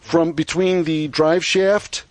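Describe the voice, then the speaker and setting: Animated male radio co-host, storytelling, slightly higher voice, dry close mic. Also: slow pace, no echo. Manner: animated storyteller, laughs often. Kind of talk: casual car talk radio chat.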